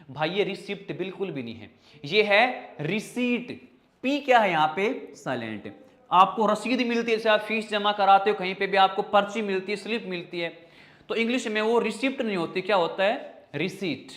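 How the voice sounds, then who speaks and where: A man's voice: sits high, a bit bright. A man with a Hindi accent teaching an online vocabulary class, asking questions and answering them himself while spelling words out in pieces. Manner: addresses students as brother and child. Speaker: English teacher.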